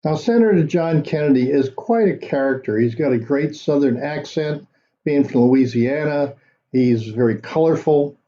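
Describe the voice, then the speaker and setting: A man hosting a political commentary show, talking in a measured, conversational way with frequent fillers. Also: on the high side, lively intonation, dark tone, muffled recording. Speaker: commentary host.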